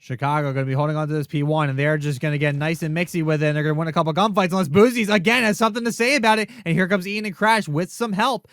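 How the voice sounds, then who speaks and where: Fast, high-voiced male esports caster. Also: smooth, no room sound, clean studio sound. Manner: rapid excitable calls. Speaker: play-by-play caster. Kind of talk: esports play-by-play commentary.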